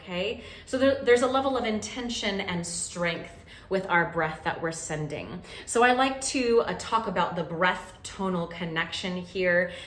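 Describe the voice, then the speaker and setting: A woman's voice: lowish voice, a bit bright. Encouraging woman vocal coach, roomy echo. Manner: encouraging, coaching with frequent "okay?" check-ins. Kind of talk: guided vocal warm-up lesson. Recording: roomy echo with faint ambient noise.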